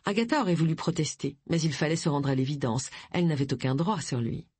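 An audiobook narrator reading a crime novel in a measured, expressive way, with a husky voice. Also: mid-range voice, no echo. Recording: dry close audiobook recording.

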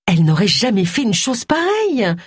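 A woman's voice: lowish voice, animated, fairly quick, darkish tone, husky, no room sound, studio quality. A reader voicing a determined young woman who speaks firmly and insistently. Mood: indignant. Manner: firm, insistent.

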